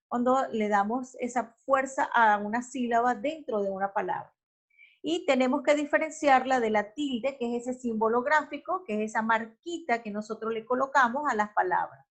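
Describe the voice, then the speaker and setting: A woman with a somewhat high voice teaches a class online. She explains step by step, regularly asks if everyone is following, and corrects herself partway through sentences. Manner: explanatory, checks in with "ok?", self-corrects mid-sentence.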